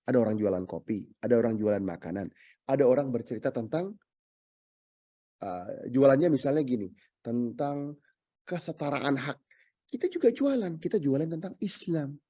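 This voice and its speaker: A man's voice: medium pitch, animated, moderate pace, pauses often, mellow, husky, dry recording. A man preaching a sermon, emphatic and repetitive, slipping English phrases into his talk.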